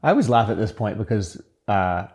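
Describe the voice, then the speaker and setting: A man from Australia with a somewhat low voice hosts a relaxed chat in an easygoing tone, laughing readily. His delivery is loose and informal. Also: a little fast. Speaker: podcast host. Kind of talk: casual conversational discussion.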